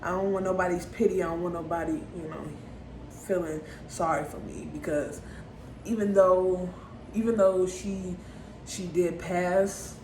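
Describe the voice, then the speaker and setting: A woman's voice: on the low side, fairly even intonation, unhurried, a little mellow, slight background noise. A young woman in her twenties telling a personal story to camera in a casual, conversational way, checking in with viewers with little asides. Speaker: vlogger. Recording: roomy echo.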